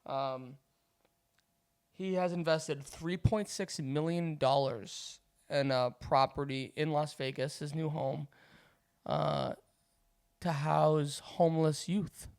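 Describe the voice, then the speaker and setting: A young woman co-hosting a podcast in casual chat, trading gossip and running through sports news in a deadpan way. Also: low voice, slow pace, creaky. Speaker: podcast co-host.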